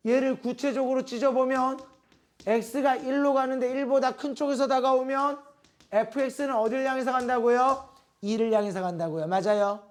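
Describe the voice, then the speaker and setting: Male math teacher, very high voice, lectures a class and keeps checking they follow. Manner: asks the class constant check questions, drawn-out emphasis on key terms.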